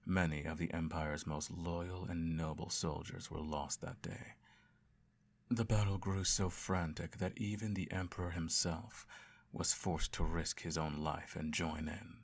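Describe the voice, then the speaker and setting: In a bedtime audio roleplay, a man plays an evil emperor, his very low voice thick with gravelly creak. Telling his tale to a child, he is measured and grand, self-righteous and doting yet quietly menacing, in a steady, heavily acted, solemn storytelling mood.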